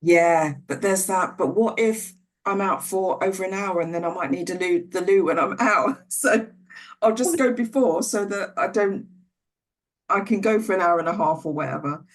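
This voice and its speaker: Brief: woman host, mid-pitched, heard from a distance from the mic. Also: moderate pace. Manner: brief, agreeable interjections and laughs. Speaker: podcast host.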